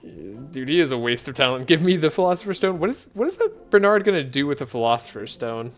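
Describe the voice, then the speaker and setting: A man streaming a card game, talking in a soft, relaxed, sleepy way with frequent chuckles. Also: a little high, fast, soft background music. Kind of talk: relaxed gameplay commentary.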